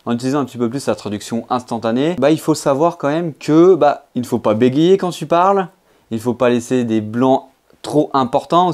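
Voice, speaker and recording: A man's voice: medium pitch, a little mellow. A man giving a casual phone review, chatting informally and addressing the viewer directly with frequent fillers. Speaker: tech reviewer.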